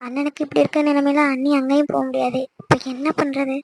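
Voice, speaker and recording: A woman voicing an anxious young wife who worries and questions her injured husband, in an amateur animated serial. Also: sits high, quick pace, gravelly, no room sound. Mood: worried.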